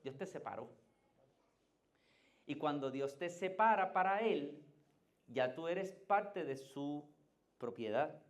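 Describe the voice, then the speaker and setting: A Puerto Rican pastor with a fairly high, expressive voice preaches slowly with long pauses, speaking with a Puerto Rican Spanish accent. His conversational sermon builds to emphatic climaxes and asks the congregation questions.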